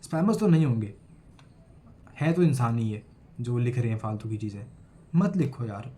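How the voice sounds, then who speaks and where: A man's voice: mid-range voice, sing-song, normal speed, mellow. An 18-year-old man with an Indian accent, talking earnestly to camera in a casual vlog, recovering from a cold. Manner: earnest, mixing Hindi and English. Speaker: student vlogger.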